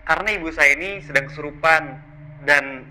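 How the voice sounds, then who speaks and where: A man's voice: on the high side, brisk, pushed and bright, slight background noise, low-quality recording. A man voicing an anxious young man who politely and urgently asks for help. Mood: pleading.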